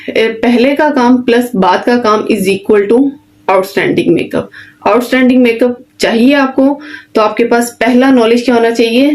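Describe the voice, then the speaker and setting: Her voice is a little high and darkish as she lectures an online beautician class. She often repeats "ठीक है" (okay) to check in, and her instructions stay direct and her explanations plain.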